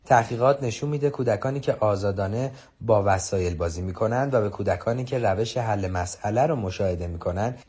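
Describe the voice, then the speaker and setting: Low husky man reading formal narration. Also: darkish tone. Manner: measured, formal, read from script. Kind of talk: scripted informational narration.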